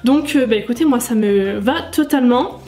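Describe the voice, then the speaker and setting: Chatty and full of fillers and asides, a woman speaks directly to her viewers as she tries out makeup in a casual tutorial. This beauty vlogger's voice is fairly high and mellow, at a moderate pace.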